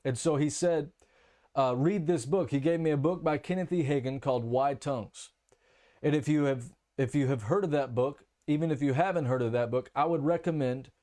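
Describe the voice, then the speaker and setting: A man's voice: medium pitch, dark tone. A man teaching a sermon and telling his own testimony in a candid, conversational way, with many restarts and fillers. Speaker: preacher.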